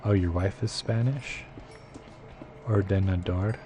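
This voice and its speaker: A man's voice: deep voice, slow pace, music in the background. A man live-streaming a game, chatting casually with viewers and rambling as he thinks aloud, with lots of fillers. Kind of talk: casual chat with viewers while playing.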